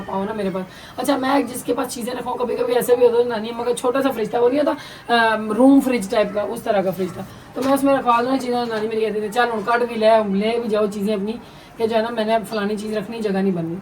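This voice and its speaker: A woman vlogger tells a family story in quick, chatty bursts, leaning on little asides like "you know". Her voice sits a bit high and comes from some way off the mic. A clear layer of household noise runs behind her. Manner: chatty, emotional, fillers like "है ना". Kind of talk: casual storytelling to viewers. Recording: distant mic with background noise.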